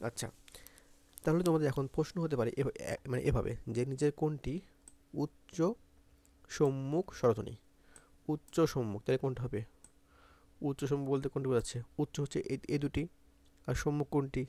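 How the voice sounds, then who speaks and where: A man with a Bangladeshi Bengali accent teaches an exam-prep grammar lesson. His voice is gravelly and mellow, recorded dry and close. He keeps repeating points and asks pupils to say the sounds aloud. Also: mid-range voice, fairly quick, pauses often, no echo.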